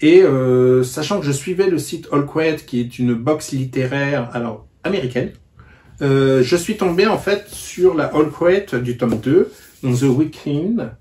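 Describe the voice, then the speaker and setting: A man's voice: a little high, expressive, measured pace, darkish tone. Hesitant French-speaking man vlogging about books. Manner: hesitant, many fillers and restarts. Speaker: book vlogger. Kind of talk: casual book-review vlog.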